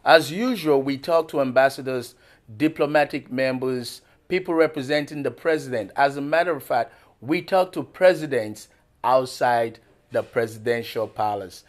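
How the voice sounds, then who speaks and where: A man's voice: medium pitch, normal speed. A man who is a pastor, hosting a TV interview show in a formal, welcoming manner. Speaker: talk show host and pastor.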